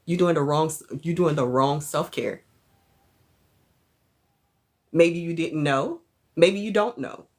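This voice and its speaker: A woman's voice: sits low, slow pace, long pauses. Chatty woman vlogger talking to viewers. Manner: chatty and animated, laughs often, talks straight to viewers. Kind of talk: casual chat with live viewers.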